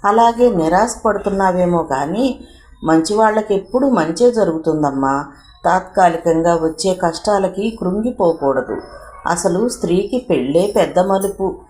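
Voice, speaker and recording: A warm-hearted elderly aunt consoles and chides with fond affection, as a woman reads her part in a storybook reading. The voice is low-pitched and carries a roomy echo. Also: animated, normal speed, close to an everyday voice. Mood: consoling. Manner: affectionate, gently scolding. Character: elderly aunt, kind and comforting.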